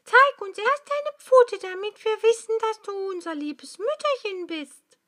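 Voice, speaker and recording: A woman voicing seven frightened little goat kids in a high, shrill tone for a whispered fairy tale. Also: sing-song, a little slow, pushed and bright, full character voice. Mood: alarmed. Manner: shrill, high chorus of children.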